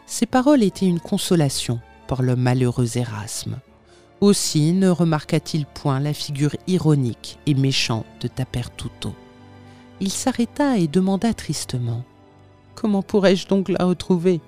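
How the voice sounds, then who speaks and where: An audiobook narrator giving dramatic, expressive readings of a literary tale. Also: medium pitch, moderate pace, faint music behind. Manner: expressive, theatrical storytelling.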